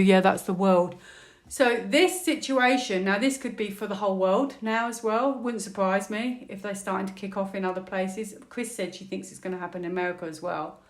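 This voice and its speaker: A woman from the United Kingdom doing a tarot reading on her vlog, thinking aloud as she draws cards and often breaking into excited squeals. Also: medium pitch. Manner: chatty, thinks aloud while drawing cards, with frequent fillers; bursts into excited squeals and laughter. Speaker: tarot reader.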